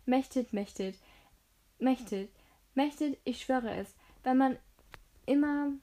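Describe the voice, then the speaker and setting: Charming, playful young son, read by a woman; no deep shift, pitch stays fairly high. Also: slow pace. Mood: teasing. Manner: flattering, playful.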